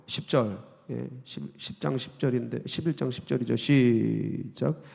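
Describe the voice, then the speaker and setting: A man preaching a midweek sermon as a pastor, swinging from loud high bursts to low, soft asides. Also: unhurried, vocal fry. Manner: lively, jumps high in pitch for quoted grumbling and drops low and soft for asides. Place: church sanctuary. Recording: church hall with long reverb.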